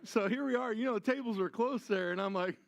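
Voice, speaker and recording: High-voiced animated older pastor. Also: male voice, quick pace, creaky. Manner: animated storytelling with voiced asides. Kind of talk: sermon.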